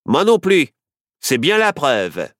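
A man's voice: on the high side, huge pitch swings, takes it slowly, fairly bright tone, no room sound, clean studio sound, pitched above the performer's own voice, exaggerated voice. A man voicing a stubborn, suspicious Wild West sheriff in a storybook reading, with a blunt, certain manner. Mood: gruff.

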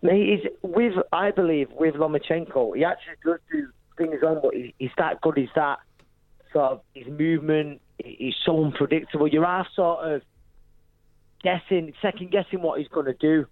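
Over a thin, narrow phone line comes a dry, mid-pitched man with a Manchester accent. He talks informally and matily, as a boxer being interviewed on radio. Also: expressive, moderate pace, vocal fry, dry recording. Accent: Manchester, English. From Manchester, England. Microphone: phone call.

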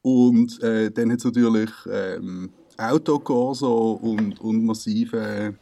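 A young man with a Swiss German accent, chatting casually in a slangy, animated way. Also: fairly low pitch, slow. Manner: animated, slangy storytelling with laughs. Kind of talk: casual chat.

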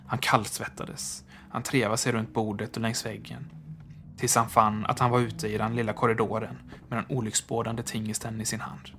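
Male narrator, horror story, hushed and measured, average pitch. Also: slight background noise.

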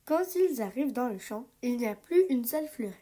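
A woman reading a children's picture book aloud, telling the story slowly and gently. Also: a little high, expressive.

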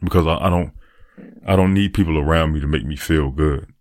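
A man's voice: a bass voice, brisk, a little mellow, dry recording, studio quality. A man talking through a reflective, earnest podcast monologue, repeating phrases for emphasis. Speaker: podcaster and aspiring motivational speaker.

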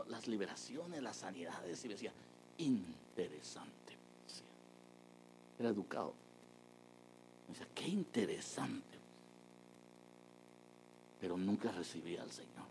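A man delivers a sermon as a vivid personal story, acting out each person he quotes. His voice sits low but swings widely as he builds the tale, and a faint hum stays underneath. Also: poor audio. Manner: animated storytelling, acts out the people he quotes. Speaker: preacher. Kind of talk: sermon testimony.

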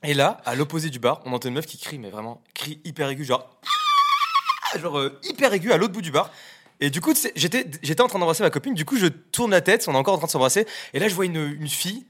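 Young male streamer, rapid anecdotes, slightly high voice, laughing, filler-heavy. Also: expressive, a bit bright, slight background noise. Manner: fast, laughing, many fillers. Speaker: content creator on a live stream. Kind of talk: casual chat, telling anecdotes.

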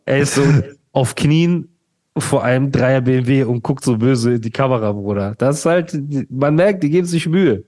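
A man co-hosting a podcast in casual chat, talking in an animated, slangy way and often calling his co-host "Bruder". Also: mid-range voice, moderate pace.

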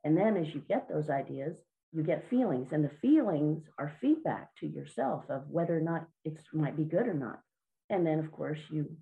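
A woman's voice: low-pitched, dark tone, low-quality recording. A woman answering interview questions as a children's mindset coach, earnest and encouraging, sometimes repeating words.

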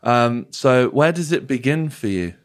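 A man's voice: medium pitch, animated, a little slow. A British man talking casually and conversationally as a podcast host.

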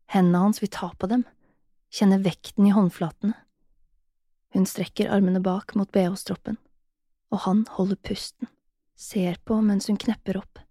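A woman narrates an erotic audio story in a soft, intimate manner, now and then slipping into a whisper. Her tone is mellow and warm rather than bright. The recording is dry and close, with no room sound. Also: medium pitch, no room sound.

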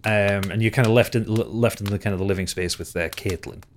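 A man's voice: lowish voice, steady tone, fast talker, a little hiss or hum. A man narrating as game master of a tabletop game, loose and full of fillers and restarts.

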